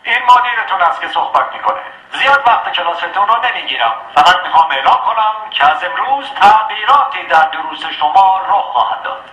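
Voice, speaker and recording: An actor playing a stern school principal who gives a formal announcement over the loudspeaker. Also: male voice, high-pitched, lively intonation, reverberant, rough recording. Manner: formal, measured.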